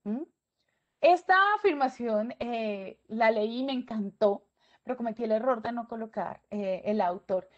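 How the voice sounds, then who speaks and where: A woman giving an animated webinar lecture, often stopping to check in with her audience. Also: a little high, a little slow. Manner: animated, asks checking questions, acts out student voices. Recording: dull lo-fi webinar audio.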